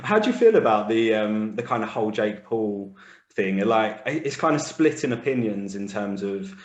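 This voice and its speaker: A man's voice: lowish voice, expressive, normal speed, reverberant, highs cut off. A British man hosting an interview, asking chatty questions. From United Kingdom. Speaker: interview host. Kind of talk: casual podcast interview.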